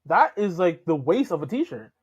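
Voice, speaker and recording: A man reacts to a clip in a casual ramble, often restarting his sentences. His voice sits a bit high and swings up and down with lots of life. The recording is dull and lo-fi. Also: very animated, moderate pace, breathy edge. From Canada. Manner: rambling, repeats and restarts while he talks. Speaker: reaction channel host.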